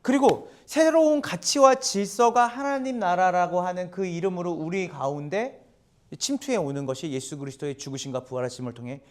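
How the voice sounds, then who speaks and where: Guy pastor preaching in church, high lively voice, chatty, keeps asking the room stuff. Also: normal speed. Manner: lively, conversational, asks the congregation questions. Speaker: guest pastor. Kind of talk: sermon. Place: church sanctuary.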